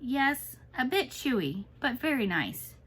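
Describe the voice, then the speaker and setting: A shy, curious little possum girl in a children's storybook, as a woman reading aloud puts her on. She speaks timidly and earnestly, a little higher than the narration. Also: sing-song, unhurried, a bit bright, husky, exaggerated voice.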